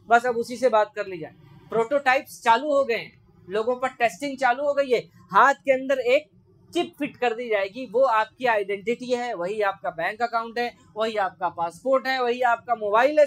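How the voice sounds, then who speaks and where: A man giving a sermon to a gathering, asking his listeners rhetorical questions and slowly reciting Arabic sayings before explaining them. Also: very high-pitched, fairly bright tone. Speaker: Islamic preacher.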